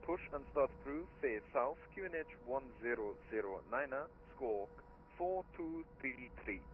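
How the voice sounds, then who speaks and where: A man's voice: mid-range voice, animated, unhurried. A man working as an air traffic controller, giving terse radio updates in clipped procedural phrases over a radio link. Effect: radio transmission. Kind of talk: terse radio update, online flight simulation ATC. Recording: tinny radio line, heavy noise.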